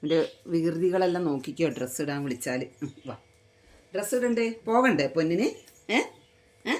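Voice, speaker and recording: A woman's voice: low-pitched, lively intonation, moderate pace. A woman vlogger talking to her pet in coaxing, doting, sing-song baby talk.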